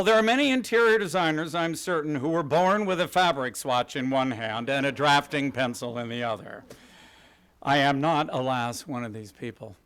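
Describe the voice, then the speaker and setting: A man's voice: medium pitch, fairly bright tone. A middle-aged man from Kansas City giving a prepared talk at a podium in an event hall, gracious and self-deprecating, telling stories in a polished way. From Kansas City, USA. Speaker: guest speaker, interior designer. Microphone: podium microphone.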